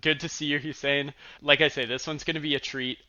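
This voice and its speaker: Man, podcast co-host, upbeat, admiring, bright forceful tone, muffled audio. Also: a little high, little pitch movement, fairly quick, faint music behind. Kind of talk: casual podcast hosting.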